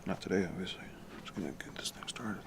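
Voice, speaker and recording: A music composition streamer with a deep baritone chats late at night while he works, whispering and talking quickly with vocal fry. He's relaxed and rambling, swearing casually while keeping quiet to hold the noise down. Typing and other background noise are clearly audible in his home room.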